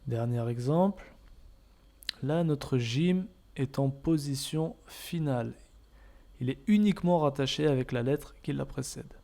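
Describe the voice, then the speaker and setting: Male teacher, slow patient delivery, mellow dark tone, walks learners through each example. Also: mid-range voice, vocal fry. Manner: patient, repeats each point, models sounds. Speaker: Arabic reading teacher. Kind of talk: step-by-step lesson narration.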